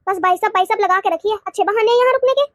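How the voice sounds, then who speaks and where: A woman voicing a bossy, stingy middle-aged mother-in-law in a cartoon, with sharp, rapid taunts. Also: very high-pitched, no room sound, clean studio sound. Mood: indignant. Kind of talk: cartoon voice acting.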